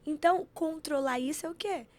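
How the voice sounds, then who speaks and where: A woman telling stories in an animated, preachy way, acting out quotes as she chats on a podcast. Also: sits high, quick pace. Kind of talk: casual chat.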